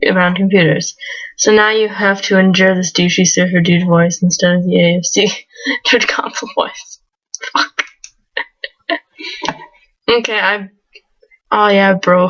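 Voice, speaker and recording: Woman, mid-pitched, reads game text aloud with giggly asides; muffled lo-fi home recording. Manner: giggly, breaks into laughs between read lines. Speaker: let's play gamer. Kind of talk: reading game text aloud with casual commentary.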